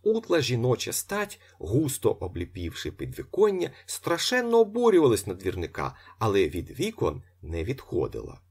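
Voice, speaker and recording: A man with a husky voice narrating an audiobook expressively. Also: on the low side, moderate pace, hardly any pauses. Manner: expressive, vivid.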